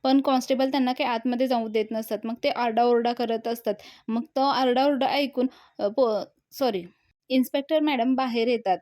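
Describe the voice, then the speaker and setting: Higher-voiced woman recapping a TV episode. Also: fairly even intonation, normal speed, a little mellow, dry recording, studio quality. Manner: retells scenes and reads out characters' lines, with small slips and fillers. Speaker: TV serial review host.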